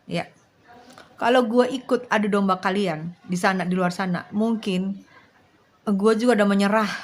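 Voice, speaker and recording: A woman's voice: medium pitch, moderate pace. A woman, livestreaming and talking bluntly and directly to her viewers. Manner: blunt, slangy, speaks straight to her viewers. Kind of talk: live stream chat.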